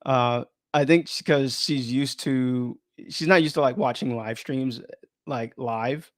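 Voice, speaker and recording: Speaking slowly in a mid-range voice, a man runs an improvised live stream, thinking out loud and frequently breaking off his own rambling sentences. The audio is studio quality, with no room sound at all.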